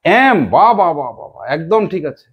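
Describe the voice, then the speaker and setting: A man's voice: high voice, very animated, fairly quick, husky. A male teacher runs a classroom lesson, calling pupils by name and praising each answer. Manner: encouraging, quizzing pupils by name.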